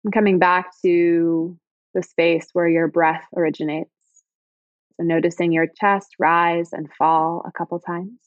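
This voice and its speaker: A woman leading a guided body-scan meditation in slow, soft, soothing phrases. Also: lowish voice, flat delivery, no room sound, lo-fi sound.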